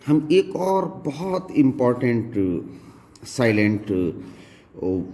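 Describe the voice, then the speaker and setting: Slow, low-voiced man teaching spellings. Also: warm tone, in a large hall. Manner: slow, spelling words out letter by letter. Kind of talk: recorded lesson.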